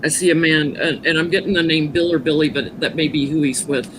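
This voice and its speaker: A woman's voice: sits low, steady tone, fairly quick. A woman speaking matter-of-factly and reassuringly as a psychic medium, giving a casual reading on a livestream. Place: video call livestream. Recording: clearly noisy livestream audio.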